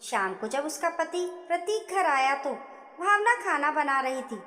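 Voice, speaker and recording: A woman narrating a moral story in an expressive, scripted storytelling manner. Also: high voice, measured pace, soft background music. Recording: echoey room with long reverb.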